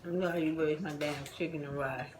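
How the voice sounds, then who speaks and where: A woman's voice: low-pitched, steady tone, fairly quick, heavy background noise. A woman chatting bluntly and gossiping with family during a meal at home. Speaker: family member at the table. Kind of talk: casual family chat. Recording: loud dish and cutlery clatter.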